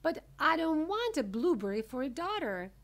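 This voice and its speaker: A high, screechy storybook mother, acted by a woman reader, panicky and indignant. Her exclamations swing widely in pitch and come out loud and drawn. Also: very animated, moderate pace. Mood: indignant, distraught.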